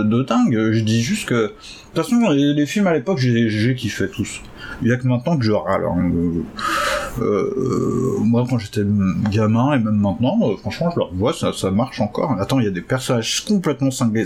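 A man hosting a casual chat who hesitates a lot and jumps up excitedly in pitch now and then. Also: a little hiss or hum. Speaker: podcast host learning Chinese.

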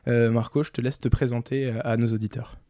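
A man's voice: mid-range voice, level tone, brisk, mellow, no echo, studio quality. A man hosting a podcast interview, friendly and hesitant with many fillers. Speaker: podcast host. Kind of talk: conversational interview.

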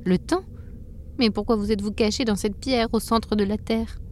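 A woman voicing a young female caterpillar, eager and easily alarmed, in a higher voice. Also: moderate pace, slight background noise, close to an everyday voice. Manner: high, excited, anxious.

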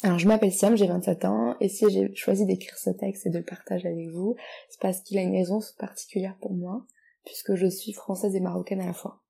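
A young woman from France speaks in a measured, reflective way, sometimes restarting her phrases. Her voice is dark and mellow, with a gravelly, husky grain. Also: medium pitch, level tone. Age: 20s. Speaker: guest. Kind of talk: reading own poetic text, then casual interview talk.

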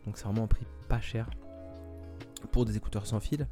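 A man's voice: on the low side, fairly even intonation, moderate pace, music in the background. A man hosting a casual solo podcast episode, talking hesitantly with many fillers and restarts. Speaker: podcast host.

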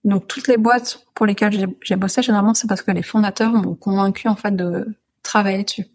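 A woman talks as a podcast guest in a relaxed, casual way. She hesitates often and fills her pauses with drawn-out filler sounds, and her pitch sits in a middling range. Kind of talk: casual interview chat.

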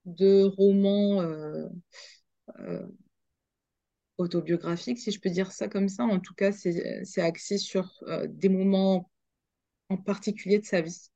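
A woman's voice: medium pitch, fairly even intonation, measured pace, gravelly, long pauses, mellow, dry recording. Hesitant woman, dull dry audio. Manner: hesitant, many fillers and restarts. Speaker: radio journalist guest. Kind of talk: casual podcast interview.

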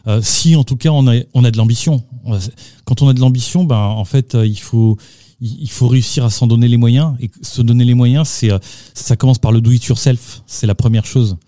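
A man, a pop singer, answers interview questions on the radio in a halting way, full of fillers and restarts. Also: mid-range voice, fairly even intonation, warm tone, no echo, studio quality. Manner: hesitant, lots of fillers and restarts. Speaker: singer and musician guest.

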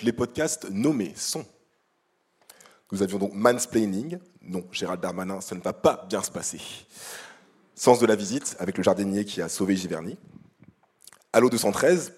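A man speaking as a jury member presenting an award, in a semi-improvised speech, pausing often to find his words. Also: lowish voice, darkish tone, husky.

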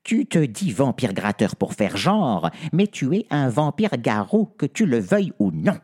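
A man puts on an old vampire grandmother, indignant and reproachful, in a husky voice that climbs and drops dramatically. She scolds her grown son firmly. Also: medium pitch, sing-song, normal speed, a little mellow, voice pushed up.

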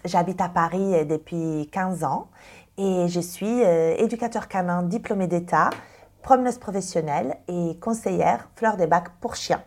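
A woman in her thirties from Italy, a dog trainer answering interview questions thoughtfully with many pauses and fillers. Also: lowish voice, a little mellow. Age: 30s.

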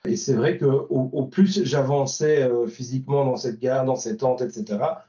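A man's voice: mid-range voice, normal speed, dark tone. A man from Belgium recounting a trip in an interview, hesitant, with many fillers and restarts. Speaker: volunteer driver recounting trip. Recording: distant, roomy, dull lo-fi sound.

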